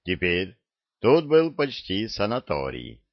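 A man narrates an audiobook in a low, deliberate voice, taking his time over every sentence. His delivery stays steady and measured throughout. The recording is dry and muffled, with a dull lo-fi tone. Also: dry recording.

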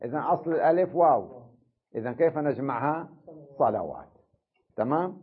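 A man's voice: mid-range voice, animated, brisk, slightly rough. A man teaching an Arabic grammar lesson, explaining step by step and checking with the class after each point. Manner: explains step by step, asks the class "tamam?" often. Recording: dull lo-fi lecture recording.

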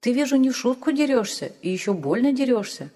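A woman's voice: on the high side, animated, quick pace, warm tone, voice pushed up. Woman doing a grumbling sly village man. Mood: wheedling, hurt. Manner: mutters to himself, sly and indignant. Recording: long hall reverb.

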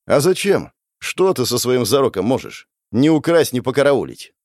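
A man voicing a gruff older youth who leads a street gang, curt and grumbling. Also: mid-range voice, sing-song, moderate pace, a little mellow, no echo, clean studio sound, pitched above the performer's own voice. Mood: mocking.

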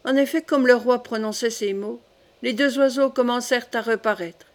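A woman reading a classic French novel aloud as an audiobook, steady and literary. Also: fairly high pitch, moderate pace. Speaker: audiobook reader. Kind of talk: audiobook narration.

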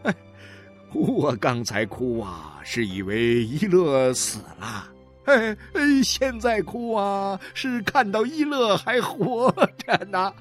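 A man's voice: high-pitched, big pitch swings, slow pace, voice pushed up, exaggerated voice. A man voicing a distraught middle-aged father in an audiobook, tearful and exclaiming, with choked words and faint music behind. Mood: weepy. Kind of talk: audiobook character voice.

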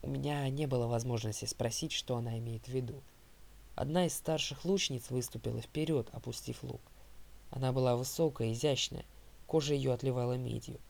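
Gravelly male audiobook narrator. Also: mid-range voice, a little fast. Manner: steady, storytelling, first-person.

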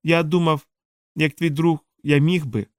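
Чоловік, що озвучує скривдженого несміливого робота-прибульця. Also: male voice, a little high, fairly even intonation, unhurried, dry recording, studio quality, voice pushed up, lightly acted. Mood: hurt. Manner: pleading, wounded and timid. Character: gentle male alien robot, eager to please. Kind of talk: audiobook character reading.

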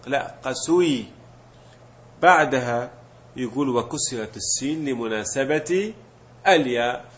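A man teaching a grammar lesson, explaining step by step and asking questions he then answers himself. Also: fairly high pitch. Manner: mixes colloquial Gulf Arabic with classical terms. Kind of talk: Arabic morphology lesson. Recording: dull lo-fi recording.

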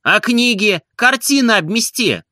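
A lazy, fussy gentleman scolds in a raised, shrill voice, as a male reader puts him on. His impatience jumps all over the pitch and punches up the loudness. The tone is bright and sharp. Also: big pitch swings, a little slow, no room sound, studio quality, heavily acted. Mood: scolding.

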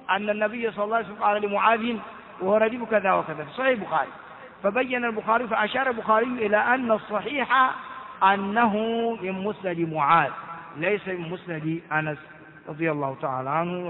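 A man teaching a hadith lesson at a quick clip, in a high voice. He spells out vowel marks and repeats key words. The sound is tinny, like a phone line, with long echo from a large hall. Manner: explains grammar and word forms, spells out vowels, repeats words. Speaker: Islamic scholar teaching hadith commentary.

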